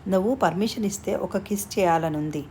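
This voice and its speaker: A woman reading the lines of a gentle young husband in a storybook tale, speaking softly and pleadingly. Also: fairly low pitch, fairly quick, a little hiss or hum, lightly acted. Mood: coaxing. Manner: soft, pleading.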